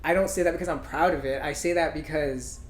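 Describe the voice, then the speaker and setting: A man hosting a podcast, talking through his thoughts in a reflective, halting way with lots of fillers. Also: a little high, steady tone. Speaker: podcast host and musician. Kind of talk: casual conversation. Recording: roomy echo.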